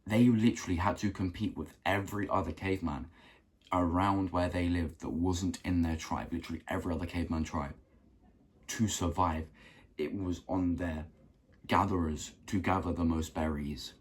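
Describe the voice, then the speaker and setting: Low husky young man, earnest pep talk. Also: steady tone, moderate pace. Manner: earnest, repeats himself for emphasis. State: keeps clearing his throat. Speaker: self-improvement vlogger. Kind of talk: motivational talk to camera.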